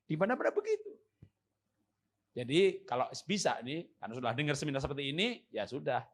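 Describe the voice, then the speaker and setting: A man preaching a church seminar sermon with humor. He acts out quoted husbands and wives and moves from loud emphasis to soft, calm passages. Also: on the high side, fairly quick. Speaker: guest preacher. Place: church service.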